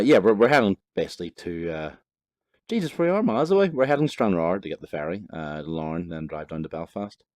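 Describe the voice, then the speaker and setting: Talking over his gameplay, a young Northern Irish man who runs a gaming channel rambles casually, cursing freely and laughing at himself. He has a deep, darkish voice, and the sound is clean studio quality with no room sound.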